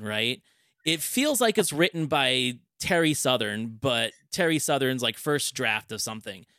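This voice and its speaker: A man hosting a podcast, chatting casually with enthusiastic, animated storytelling. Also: medium pitch, no echo, clean studio sound. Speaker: podcast host. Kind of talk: casual chat.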